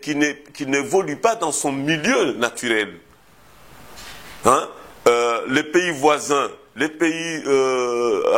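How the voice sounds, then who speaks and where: A man from the Comoros, a historian answering interview questions in a measured, thoughtful way, often hesitating and repeating words as he thinks. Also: medium pitch, fairly bright tone, husky. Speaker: historian interviewed about his thesis.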